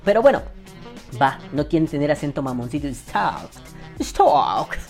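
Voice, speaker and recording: At his desk on camera, a Mexican man hosts a casual vaping commentary, crudely and sarcastically critiquing another creator. He talks fast and expressively in a slightly high, darkish voice, with soft music playing behind him.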